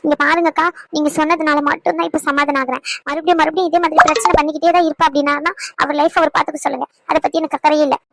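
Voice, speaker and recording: A woman voicing a hurt young wife who is expecting a baby, speaking in a rapid, indignant way. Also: high voice, level tone, heavy background noise. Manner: rapid, indignant, sharp-tongued. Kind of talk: cartoon voice acting.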